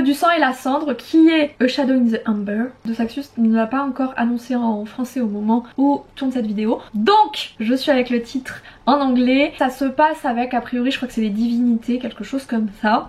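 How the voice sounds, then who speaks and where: A woman's voice: on the high side, a little mellow. A chatty young woman vlogger talking casually and enthusiastically about books, frank in her opinions. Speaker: book vlogger. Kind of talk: casual book chat to camera.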